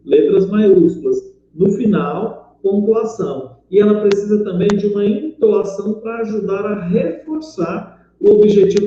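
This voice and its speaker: A man's voice: high-pitched, dark tone. A man teaching a grammar lesson, explaining step by step and checking in often with his students. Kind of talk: recorded online grammar lesson. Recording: very echoey, dull lo-fi room recording.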